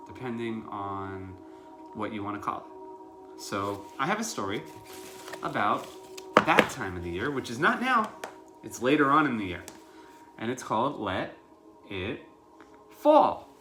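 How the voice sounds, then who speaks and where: With music in the background, the preschool teacher in his thirties reads a picture book at home in his living room, talking plainly to young kids through questions and simple explanations. His mid-pitched voice is sing-song and a little slow, broken by long pauses.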